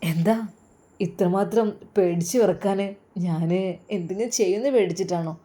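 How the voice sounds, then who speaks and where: A woman voicing a gentle young male religious scholar on his wedding day, speaking low and tenderly with a Malabar Malayalam accent. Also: normal speed, close to an everyday voice. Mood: teasing.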